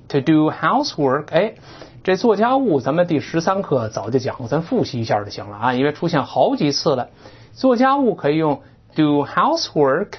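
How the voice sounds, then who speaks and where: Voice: medium pitch, husky. An English teacher a burr on word endings. They give a lecture on textbook vocabulary, explaining step by step and putting questions to the class. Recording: dull lo-fi recording.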